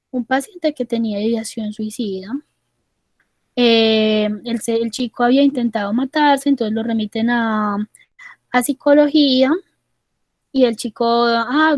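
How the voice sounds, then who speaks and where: A woman's voice: on the high side, dry recording. A woman tutor giving a conversational lecture, often checking in with her listeners through tag questions. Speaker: university tutor. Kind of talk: online lecture.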